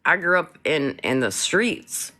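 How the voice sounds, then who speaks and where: A woman's voice: sits low, sing-song, slow pace, pushed and bright. A woman from Flint, Michigan, hosting a casual live stream, talking bluntly and swearing often.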